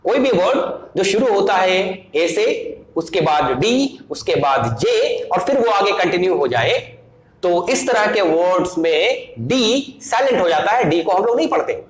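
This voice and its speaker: A man's voice: high-pitched, sing-song, measured pace, reverberant, crowd noise, rough recording. A male English teacher, explaining grammar step by step and repeating the key points. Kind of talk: grammar lesson.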